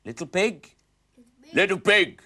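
A man voicing a hungry big bad wolf with slow, drawn-out, loud threats while reading a storybook. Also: high-pitched, lively intonation, slightly rough, voice pushed up, full character voice. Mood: menacing.

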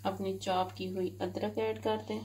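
A woman with a Pakistani Urdu accent giving steady step-by-step recipe instructions as a cooking channel host in her home kitchen. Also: mid-range voice, noisy background. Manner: steady, even, unhurried instructions. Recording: home kitchen recording with audible frying sizzle.

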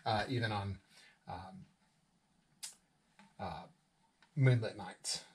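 A man's voice: fairly low pitch, extremely slow, slightly rough. A man with an Upper Midwest accent rambling in a folksy, self-deprecating way while vlogging outdoors in snowy woods. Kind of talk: casual outdoor vlog.

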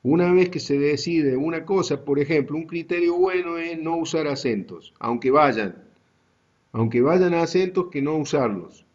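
Docente argentino dando clase virtual, tono pausado y didáctico, voz algo alta, sonido opaco. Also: male voice, fairly high pitch, darkish tone, highs cut off. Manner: slow, deliberate explaining to students. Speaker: university GIS teacher. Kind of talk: online class lecture.

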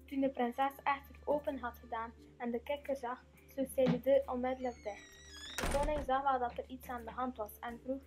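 A woman's voice: high-pitched, steady tone, moderate pace, darkish tone, soft background music. Woman narrating a fairy tale.

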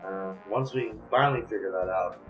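A man's voice: low-pitched, brisk, lo-fi sound. A man hosting a laid-back gaming podcast, talking things through with little restarts as he goes. He is on voice chat, his voice carrying a noticeable roomy echo with faint music underneath. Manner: rambling, thinking aloud with restarts. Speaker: podcast host. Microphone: voice chat over Discord.

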